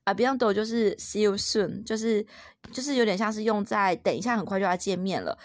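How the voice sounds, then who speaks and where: A woman's voice: mid-range voice, brisk, dry recording. A young woman with a Taiwanese Mandarin accent, a mother patiently teaching her toddler French words at home, playful and encouraging. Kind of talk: home-recorded French lesson with a child.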